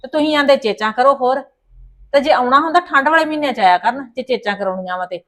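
A woman playing a complaining, sharp-tongued daughter-in-law in a family drama. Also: high-pitched, fast talker. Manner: complaining, sarcastic, mutters asides.

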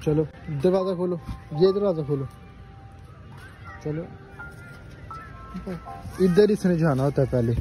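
A man's voice: on the high side, slow, pauses often, mellow, faint music behind. A man from Pakistan with a Pakistani Urdu accent, chatting casually in a vlog. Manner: chatty, informal. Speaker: vlogger.

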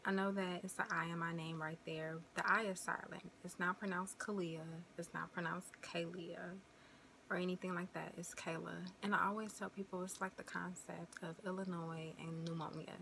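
Chatty young woman with a gravelly voice. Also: on the low side, level tone, fairly quick, few pauses, bright, forceful tone, a little hiss or hum. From American Midwest. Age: 20s. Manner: chatty, rambling, uses y'all and you know. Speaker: vlogger. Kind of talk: casual chat to camera.

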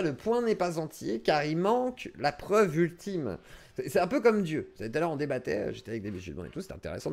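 A man's voice: medium pitch, creaky, a little mellow. A man hosting a livestream, talking casually and animatedly, often acting out little scenes. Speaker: livestream host. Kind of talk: casual livestream debate talk.

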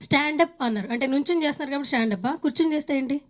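A woman emceeing a live stage event. Her voice is high and her patter quick and perky as she hands the floor over. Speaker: event anchor. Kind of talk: stage announcing.

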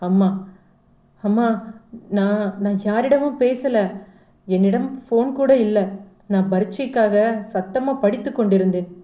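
A woman's voice: mid-range voice, a little slow, pauses often, mellow, lightly acted. A woman voicing a defensive teenage girl who pleads and protests in a told story. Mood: defensive pleading. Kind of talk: storytelling dialogue. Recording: echoey room.

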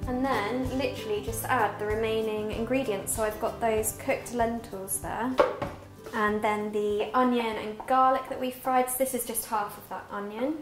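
Cooking in a home kitchen, a twenty-something British cookbook author and guest cook explains a recipe one step at a time, chatty and cheerful as she works. She speaks at a normal speed in a somewhat high voice with fairly even intonation. Music plays in the background of the spacious kitchen.

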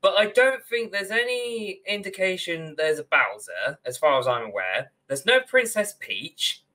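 The recording is low quality, capturing a young man's high voice with big pitch swings, a measured pace, and a sharp tone. He co-hosts a podcast from a room on a video call, offering ranting, opinionated casual commentary on films and games.

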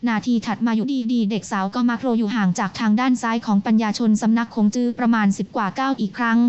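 A woman reading a translated fantasy novel aloud in a measured, even storytelling manner. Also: fairly high pitch, clear, resonant tone, lo-fi sound. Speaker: novel reader.

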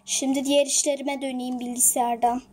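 A woman's voice: high-pitched, level tone, a little fast, a little mellow. A woman voicing an anxious young office worker in a homemade toy drama, frantic and tearful when things go wrong. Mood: calm. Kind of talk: toy-figure home drama.

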